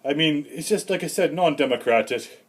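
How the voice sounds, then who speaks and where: A man playing a rambling, grumpy old Santa Claus in a comedic vlog monologue, with deadpan, self-important asides. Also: a little high, moderate pace, breathy edge. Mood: grumbling. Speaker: comedy vlogger.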